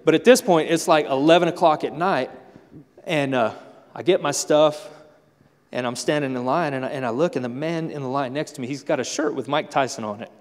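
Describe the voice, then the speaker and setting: A man's voice: fairly high pitch, a little fast, big-room sound. A man preaching a sermon as pastor, telling stories animatedly and acting out everyday family scenes. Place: church sanctuary.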